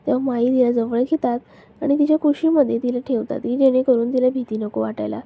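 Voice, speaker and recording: A woman's voice: high voice, fairly even intonation, brisk, creaky, dark tone, breathy edge. A woman chattily retelling a TV serial's episode, leaning on filler particles. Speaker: serial recap narrator. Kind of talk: casual plot retelling.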